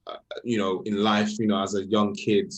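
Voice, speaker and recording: Low-voiced man, halting artist guest. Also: flat delivery. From Sweden. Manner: halting, repeats words while explaining. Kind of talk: casual interview chat.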